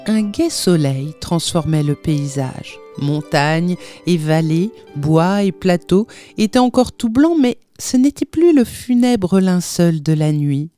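A woman reading a story aloud, with slow, measured narration and lively voiced dialogue. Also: fairly low pitch, dry recording, faint music behind. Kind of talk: audiobook narration with acted dialogue.

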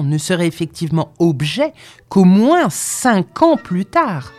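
Woman narrator for literary audiobook; mellow, animated reading over soft music. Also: fairly low pitch. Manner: measured, expressive storytelling.

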